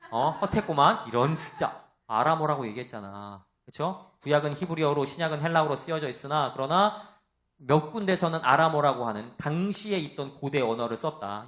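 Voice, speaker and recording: A man preaching a sermon to young adults, with a loud voice, asking the congregation questions and acting out the voices he quotes. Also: mid-range voice. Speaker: pastor.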